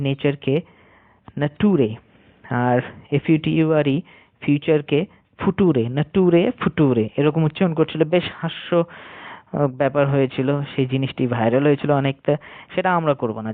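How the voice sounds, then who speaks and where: A man's voice: fairly high pitch, dry recording. Tinny-sounding man teaching English pronunciation. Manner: slow, deliberate, repeats rules for emphasis. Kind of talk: spelling words out letter by letter and explaining. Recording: dry, tinny phone-like sound.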